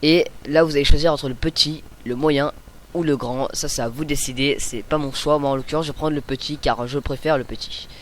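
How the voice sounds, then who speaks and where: A young man hosting a casual screen-recorded software tutorial, chatty and hesitant, with many fillers and self-corrections. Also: a little high, fairly even intonation, fairly quick. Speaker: tutorial host.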